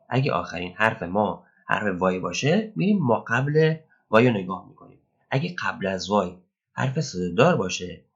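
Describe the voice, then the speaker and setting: A man teaching English grammar in a recorded lesson, explaining step by step, quizzing the listener and reading example sentences slowly. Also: fairly low pitch, slightly rough, highs cut off. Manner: explains step by step, asks the learner questions and praises answers.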